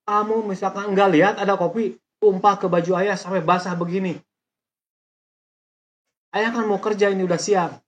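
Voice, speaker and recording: A man's voice: high voice, steady tone, normal speed, pauses often, pitched above the performer's own voice, natural voice. A man voicing an angry father who scolds his family in an exasperated, blaming tone, in a dull lo-fi recording. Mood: angry scolding.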